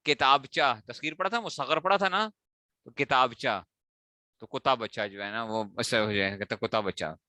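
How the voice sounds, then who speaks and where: A man teaching a morning class, correcting mispronounced words by repeating them slowly and checking that students follow. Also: medium pitch, bright, forceful tone, no echo. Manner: asks students checking questions. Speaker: teacher of Arabic morphology. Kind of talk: classroom lecture.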